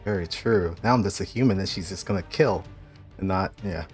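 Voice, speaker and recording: A man's voice: low voice, brisk, darkish tone, soft background music. A man chatting casually as a player at a tabletop game, talking through his moves.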